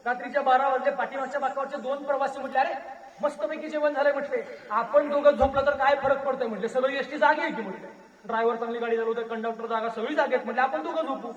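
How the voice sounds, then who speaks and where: A man from Maharashtra giving a rousing public lecture on history, a storytelling orator with a booming delivery. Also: fairly even intonation, quick pace, muffled recording. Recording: echoey hall, voice far from mic.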